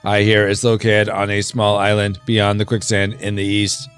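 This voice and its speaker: A man putting on a flat, mechanical robot voice to read game characters' lines aloud on a stream. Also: fairly low pitch, moderate pace, smooth, faint music behind, pitched below the performer's own voice, natural voice. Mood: robotic.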